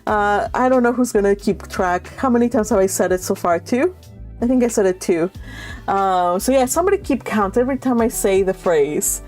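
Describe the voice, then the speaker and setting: Soft music plays in the background as a woman runs a live read-along livestream, talking warmly and informally with viewers and giggling often. Her voice is mid-range and a little mellow, at a normal speed.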